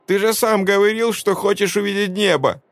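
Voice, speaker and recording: A man's voice: sits high, steady tone, normal speed, no room sound, pitched above the performer's own voice. A man doing a whining little boy. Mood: whiny pleading. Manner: whining, pleading. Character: eager pleading little boy, unwashed.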